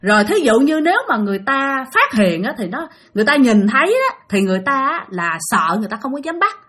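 A woman's voice: sits high, very animated, fast talker, a bit bright. A woman telling a ghost story in a chatty, casual way, speaking straight to her listeners. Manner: chatty, addresses listeners directly.

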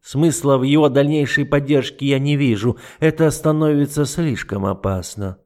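A man's voice: fairly high pitch, unhurried, darkish tone, pitched above the performer's own voice, lightly acted. A man voicing a cold, cruel, scheming duke in an audiobook, condescending and mocking. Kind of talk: audiobook character voice.

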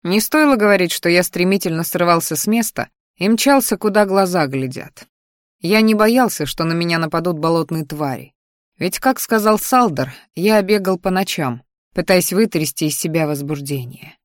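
A woman reading a novel aloud as an audiobook narrator, in steady first-person narration. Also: on the low side, moderate pace, dry recording, clean studio sound.

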